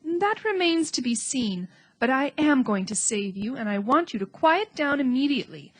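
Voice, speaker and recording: A woman voicing a wise female spider with a sweet, musical voice and a brisk, composed manner. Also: high voice, very animated. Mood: firm.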